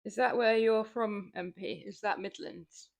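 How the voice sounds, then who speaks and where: Lifting weights on stream, a young woman from southern England chats casually with her viewers, rambling and often laughing. Her mid-range voice is gravelly and unhurried, with fairly even intonation and a southern English accent. She's a fitness streamer.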